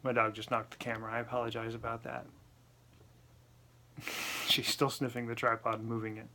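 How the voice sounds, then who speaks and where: A man's voice: mid-range voice, completely flat delivery, a little fast, noisy background. A man with a lisp talking casually to the camera in a personal vlog, apologetic and self-deprecating. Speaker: vlogger.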